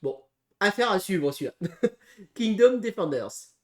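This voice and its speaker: A man co-hosting a casual board game preview, talking through game rules with frequent pauses and restarts. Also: high-pitched, animated. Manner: hesitant, full of pauses and restarts while explaining rules. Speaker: board game channel co-host.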